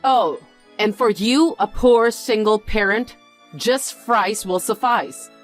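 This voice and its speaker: A woman's voice: medium pitch, slow pace, faint music behind, natural voice. A woman playing a snobbish rich woman who talks down to others with a condescending, sneering manner in a dubbed drama.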